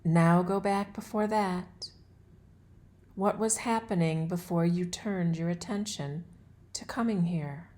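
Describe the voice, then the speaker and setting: Here a woman who teaches yoga nidra guides a meditation in a fairly low, darkish-toned voice. Her pace is very slow, and she delivers relaxation instructions soothingly, in brief, deliberate phrases.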